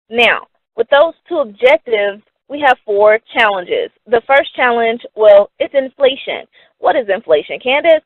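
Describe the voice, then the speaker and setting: A woman's voice: a little high, no room sound. A young woman giving an upbeat, persuasive scripted sales presentation about money, answering her own questions. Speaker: company presenter. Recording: dry, phone-like narrow sound.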